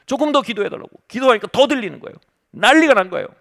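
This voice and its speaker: A man's voice: very high-pitched, animated, very fast, gravelly, a bit bright. A middle-aged male pastor preaching a revival sermon, telling a story with humor.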